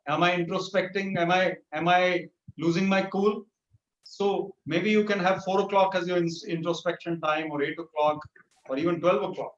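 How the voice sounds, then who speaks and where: Man telling a story over a video call. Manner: animated storyteller, lifts pitch for punchlines. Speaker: motivational speaker. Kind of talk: storytelling talk to teachers. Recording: roomy, dull video-call audio.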